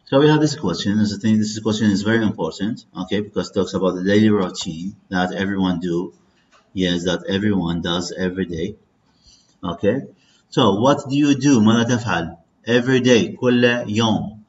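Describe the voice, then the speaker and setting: A man whose first language is Arabic, teaching English by repeating each phrase slowly and translating it for his students. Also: on the low side, darkish tone. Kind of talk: slow drilling language lesson, repeating and translating. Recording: slightly dull, lo-fi recording with faint noise.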